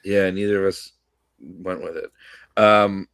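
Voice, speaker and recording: A man co-hosting a sports podcast, rambling in casual chat with lots of restarts and fillers, slightly hoarse from coughing. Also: sits low, fairly even intonation, a little slow, a bit bright, no echo, studio quality. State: coughing today. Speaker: podcast co-host.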